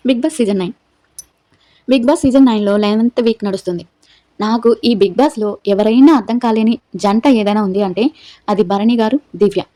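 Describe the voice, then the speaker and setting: A woman's voice: a little high, moderate pace, mellow. A woman hosting her own channel, chatting casually through a recap of a reality show and acting out what the contestants said. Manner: chatty retelling that acts out the quoted dialogue. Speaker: YouTube channel host.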